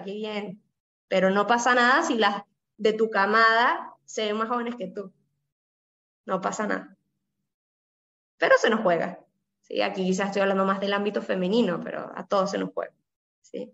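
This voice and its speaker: A woman's voice: medium pitch, gravelly, a bit bright, dull audio. A woman with a Caribbean Spanish accent, leading a Bible study, explaining verses and often checking in with "¿no?" and "¿sí?". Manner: explanatory, asks listeners with frequent "¿no?" and "¿sí?".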